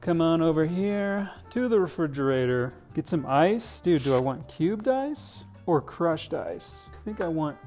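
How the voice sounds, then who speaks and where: A man's voice: on the high side, lively intonation, unhurried, hardly any pauses, darkish tone, soft background music. Playful young man touring a kitchen. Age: young adult. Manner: playful, jokey, says "dude" often. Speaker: English teacher vlogger. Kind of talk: casual house-tour vlog. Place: kitchen of a large house, indoors. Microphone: handheld camera, selfie framing.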